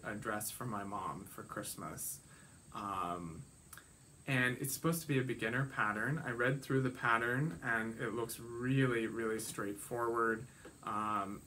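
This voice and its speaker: Bright-voiced man with a rambling podcast chat. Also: on the low side, slight background noise. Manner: gentle, rambling, many ums and restarts. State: slight frog in throat. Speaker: podcast host. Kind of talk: casual solo podcast chat about knitting and sewing.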